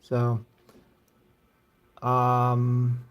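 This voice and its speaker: A man's voice: mid-range voice, completely flat delivery, very slow, clear, resonant tone. A middle-aged man live-streaming retro games, rambling offhand and swearing casually as he plays. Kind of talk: casual gaming commentary.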